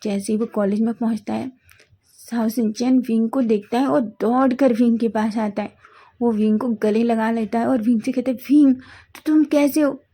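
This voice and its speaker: A woman's voice: on the high side, steady tone, moderate pace, dark tone, slightly rough. A woman reading a romance fan fiction story aloud in plain storytelling style, now and then correcting herself.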